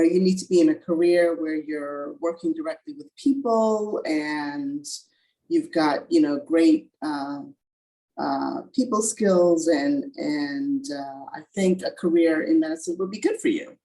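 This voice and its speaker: A middle-aged woman doctor answering interview questions in a relaxed way, pausing often with "uh". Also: sits low, low-quality recording. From born in Guyana, grew up in Brooklyn. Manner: relaxed, frequent uh pauses. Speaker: physician guest.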